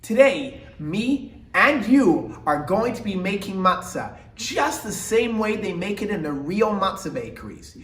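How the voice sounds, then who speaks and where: Animated man hosting for children, roomy sound. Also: high-pitched. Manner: exaggerated, sing-song emphasis with drawn-out words. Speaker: children's show host and rabbi. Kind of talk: animated instructional presentation for children. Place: indoor room with mock bakery set. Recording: roomy indoor echo.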